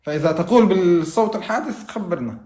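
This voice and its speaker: A man's voice: high voice, expressive, quick pace, dark tone, reverberant. A man in a heated religious debate, arguing, quoting old texts and laughing mockingly.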